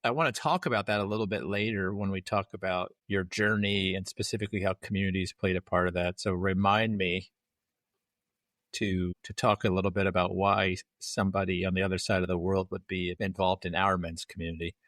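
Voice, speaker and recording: A man's voice: sits low, fairly even intonation, fairly quick, a bit bright, dry recording, studio quality. A man hosting an interview podcast, talking casually and conversationally with small restarts. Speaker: podcast host.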